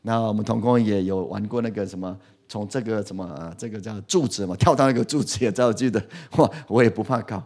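A middle-aged man preaching a sermon. He keeps asking the congregation questions and swings from loud to soft. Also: fairly low pitch, fast, hardly any pauses. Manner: lively, asks the congregation questions, animated swings in loudness. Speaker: pastor.

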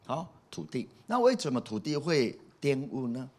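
Husky guy preaching, keeps throwing questions at the crowd, pushy emphatic sermon. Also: mid-range voice, big pitch swings, normal speed. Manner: emphatic, with frequent rhetorical questions. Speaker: pastor.

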